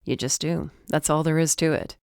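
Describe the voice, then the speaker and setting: A woman voicing a wry, deadpan male police detective in an audiobook. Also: sits low, moderate pace, creaky, clean tone, no room sound, clean studio sound.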